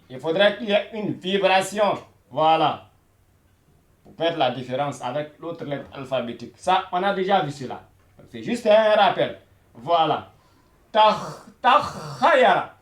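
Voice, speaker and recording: Patient male language teacher, unhurried and roomy, drilling words again and again. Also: a little high. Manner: repeats words slowly, many "voilà" fillers. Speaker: Arabic teacher. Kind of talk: beginner language lesson.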